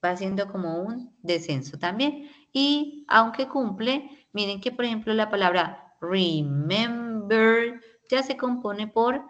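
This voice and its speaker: A woman's voice: mid-range voice, expressive, measured pace, hardly any pauses, a bit bright, dull audio. A woman teacher, patiently explaining English grammar in an online class and often checking in with her students. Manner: patient, explanatory, many tag questions.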